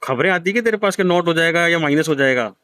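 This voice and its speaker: Blunt, scolding man, crisp dry voice. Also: fairly high pitch, expressive, quick pace, a bit bright, no room sound. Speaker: host counseling a gambler. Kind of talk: harsh heart-to-heart lecture.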